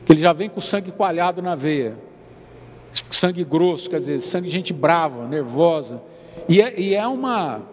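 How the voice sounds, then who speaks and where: High-voiced Brazilian pastor preaching in a hall. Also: male voice, darkish tone. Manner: preaching with rising calls to the congregation. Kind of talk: evening church sermon. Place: church sanctuary. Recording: long church hall reverb, faint noise.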